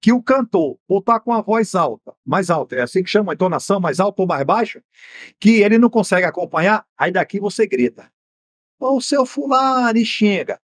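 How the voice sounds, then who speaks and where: Sitting high and expressive, this male voice moves fairly quickly in studio-quality audio with no room sound. He is a Brazilian TV host and mentor with a Bahian accent, explaining finance didactically on a studio program through rhetorical questions.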